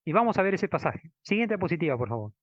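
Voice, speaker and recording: A man's voice: fairly high pitch, sing-song, no room sound. Man lecturing in a dull dry recording. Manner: didactic, frequent tag questions, stresses Latin words slowly. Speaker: law professor. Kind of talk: lecture with slides.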